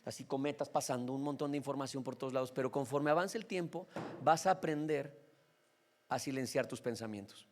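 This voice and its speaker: A man's voice: mid-range voice, a little fast, darkish tone. A male pastor with a Mexican Spanish accent, preaching a sermon in a conversational way and often checking in with his listeners.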